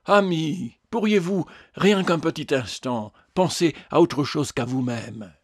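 A patient, gentle male spirit, as a reader puts him on, speaking in a calm, measured way. His tone is gentle but firm, in a fairly high voice. The storybook reading is close and dry. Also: no echo. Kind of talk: audiobook character voice.

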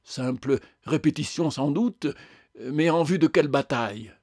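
A man narrates a story at a steady, measured pace. His voice sits fairly high for a man. The recording is close and dry, with no room in it. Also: no room sound. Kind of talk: audiobook narration.

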